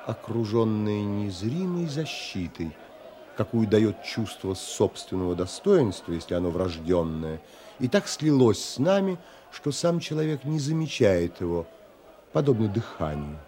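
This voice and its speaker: Playing a wistful romantic in the style of a literary audio play, an actor narrates the character's longings with measured, contemplative expression. His voice is lowish, and the mood is absorbed and reflective.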